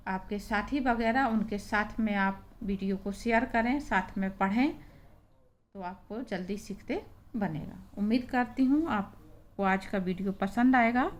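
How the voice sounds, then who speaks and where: Woman teaching phonics really slowly, spells each word then says it. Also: medium pitch. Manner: spells out words letter by letter, then pronounces them; patient, stresses the correct pronunciation. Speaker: English teacher. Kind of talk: slow phonics reading lesson.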